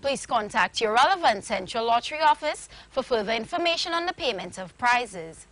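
A young woman works as a lottery draw host on television, reading a formal script. Her voice is high and bright, with lively swings in pitch. She announces each phrase in a measured presenter style. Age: young adult. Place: TV studio.

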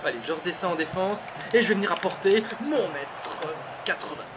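A high, lively voice with big swings in pitch as a man calls his own football video game match, getting carried away with shouts and laughter, then talking himself back into focus. The sound is muffled and lo-fi, with a steady hiss of background noise underneath. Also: fairly quick. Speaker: gaming channel host.

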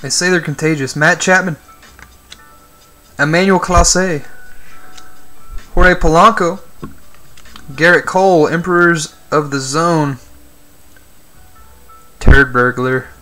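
A man hosts a card-opening stream, speaking at a slow, unhurried pace. His voice is bright and forward, and a little higher than most men's. He reads out names and trades jokes with the chat. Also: soft background music. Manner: reads names aloud, chats with viewers, jokes about yawning. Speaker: card break host. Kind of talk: live-stream commentary while opening cards.

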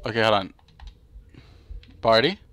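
A young man casually commentating a shooter game with a friend, swearing, yelling and laughing in frustration. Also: lowish voice, animated, unhurried. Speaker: gamer co-host.

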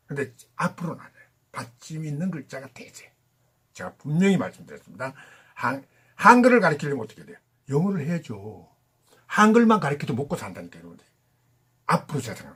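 A man teaching English pronunciation, drilling words slowly and singing nursery-rhyme lines to show the sounds. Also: on the high side, a bit bright, slightly rough. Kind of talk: pronunciation lesson.

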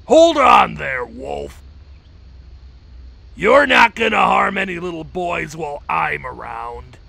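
A man voicing a gruff, blustering cartoon dog-man in a comic dub, with a very gravelly voice. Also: high voice, very animated, takes it slowly, bright, forceful tone, heavily acted.

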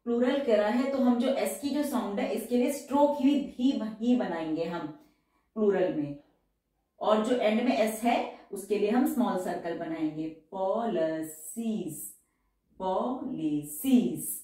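एक महिला शिक्षिका जो शॉर्टहैंड के उदाहरण शब्दों को धीरे-धीरे दोहराते हुए कदम-दर-कदम समझाती है।. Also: female voice, medium pitch, lively intonation, warm tone, recorded from a distance. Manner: slow, careful repetition of example words. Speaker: shorthand teacher. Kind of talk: step-by-step tutorial. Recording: echoey room, voice off-mic.

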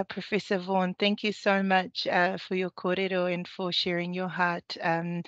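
A woman's voice: on the low side, no echo. A woman moderating a webinar panel, giving upbeat thanks and hand-offs over a video call. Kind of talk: hosting a webinar. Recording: dry, muffled video call audio.

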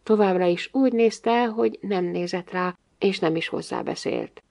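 A woman's voice: medium pitch, creaky. Wry woman reading an audiobook. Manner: wry, lively first-person storytelling. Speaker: audiobook narrator. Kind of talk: storybook narration.

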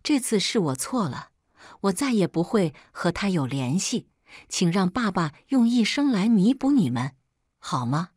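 A woman's voice: medium pitch, big pitch swings, measured pace, darkish tone, slightly rough, no echo, clean studio sound. A woman voicing a remorseful, dying middle-aged father who begs his family for forgiveness in a read-aloud story. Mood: pleading. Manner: pleading, apologetic. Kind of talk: storybook character reading.

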